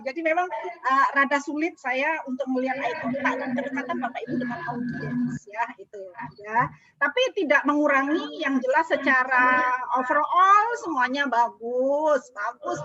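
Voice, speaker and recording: A woman's voice: high voice, noisy background. A woman trainer giving chatty feedback to a class over a video call, often asking them questions. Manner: chatty, asks the class questions, laughs easily. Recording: dull lo-fi video call audio.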